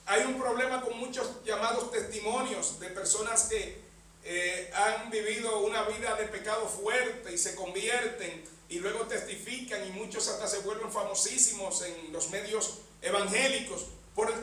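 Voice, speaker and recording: A man's voice: high voice, moderate pace, a bit bright, slight background noise. A man preaching a sermon in a church, peppering his phrases with amen and praises to the Lord. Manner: punctuates phrases with amen and bendito sea el Señor. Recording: echoey church hall, mic far off.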